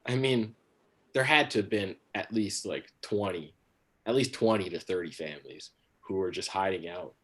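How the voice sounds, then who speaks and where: A man's voice: deep voice, normal speed, fairly bright tone. A man from Jamaica doing a stand-up set from his home for a livestream, rambling with lots of "like" and "um" and crude jokes. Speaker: stand-up comedian.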